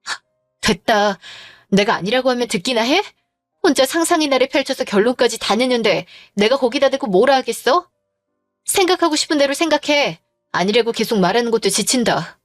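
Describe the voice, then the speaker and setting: A woman's voice: on the high side, expressive, brisk, dry recording, studio quality, soft background music, natural voice. A woman voicing a weary, wrongly accused wife. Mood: exasperated. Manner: defensive, weary, pleading. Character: young wife, wrongly accused, exasperated and tired. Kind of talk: dramatized story narration.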